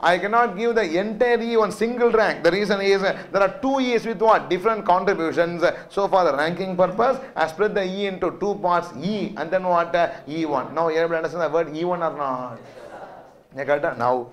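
A man with a South Indian accent and a notably high voice gives a classroom lecture. He explains step by step, throwing out rhetorical questions and frequent check-ins as he goes. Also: a little fast. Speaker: accountancy teacher.

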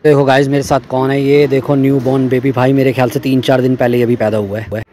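A man's voice: medium pitch, little pitch movement, fast. A middle-aged man from India narrating a casual travel vlog, chatty, talking to viewers as guys and brother while filming on a phone. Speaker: vlogger. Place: car on a hot highway and clinic. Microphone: phone camera held by the filmer. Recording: phone audio with outdoor noise.

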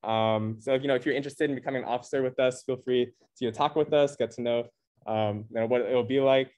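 A man's voice: mid-range voice, a little mellow. A young man from California, the club's co-president, presenting at a meeting in a rambling, upbeat way full of fillers. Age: young adult. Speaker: club co-president. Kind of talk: casual club meeting talk.

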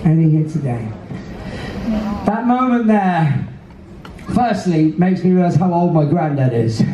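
A man's voice: a little high, expressive, a little slow, far from the mic, dull audio. A British man working as a cruise director, addressing a theater audience from the stage in an earnest, emphatic, emotive way through a PA. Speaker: cruise director hosting a veterans' event. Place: large indoor theater stage. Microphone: handheld mic, filmed from the audience. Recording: roomy theater PA heard from afar, faint noise.

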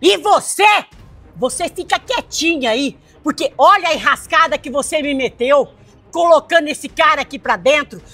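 Woman as a stern, commanding mother, Brazilian accent, very high voice. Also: expressive, moderate pace, pushed and bright, faint music behind, exaggerated voice. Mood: scolding. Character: protective, fiery mother, middle-aged woman.

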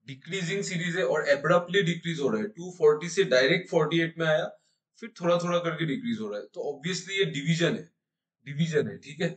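A man's voice: a little high, low-quality recording. A young man teaching a math class in Hindi and English. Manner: mixes Hindi and English, explains step by step and quizzes students. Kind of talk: online exam-prep math class. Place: online class.

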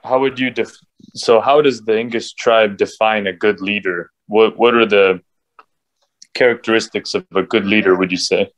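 A young man from Bulgaria on a video call, asking questions calmly and inquisitively. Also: on the low side, normal speed. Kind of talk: casual video call discussion. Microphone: laptop webcam on video call.

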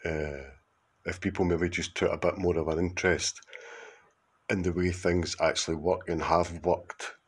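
Husky low-voiced Glaswegian man in his fifties. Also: little pitch movement, normal speed. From Scotland. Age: 50s. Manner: rambling, hesitant, with many fillers and restarts. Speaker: contributor sending a video message. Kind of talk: casual monologue to camera.

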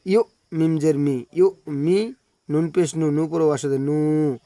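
A man teaching Quran reading, spelling out each syllable and then chanting the joined words in long, drawn-out tones. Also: a little high, warm tone, no echo.

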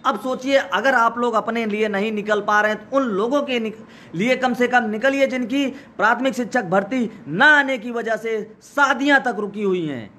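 A man speaking live as a protest organizer, urgently urging listeners to join, his voice hoarse from days of shouting. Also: very high-pitched, moderate pace, slight background noise. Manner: urgent, exhorting, repetitive. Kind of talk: live rallying speech. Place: outdoor protest site.

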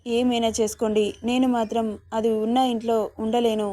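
A woman's voice: fairly high pitch, level tone, moderate pace, warm tone, no echo, close to an everyday voice. A woman voicing a jealous, sulky young woman in a romance story, speaking in a pouting, sulky way.

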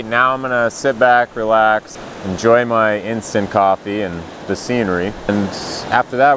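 A young man vlogging outdoors by a river, chatting casually and excitedly to his viewers through a clip-on mic. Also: on the low side. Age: young adult. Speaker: fishing vlogger. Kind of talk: casual outdoor vlog narration. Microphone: small clip-on mic on jacket. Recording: rushing river noise behind. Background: flowing water.

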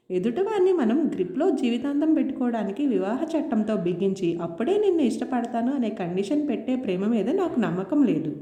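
A woman voicing a calm, idealistic young man who speaks at length in a reflective, earnest way. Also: fairly high pitch. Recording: roomy, dull lo-fi sound.

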